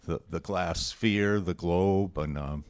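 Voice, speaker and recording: The presenter of a guess-the-quote quiz, a man whose voice sits fairly low, reads the quotations with deliberate care. Along the way he talks to the group in a relaxed, conversational manner.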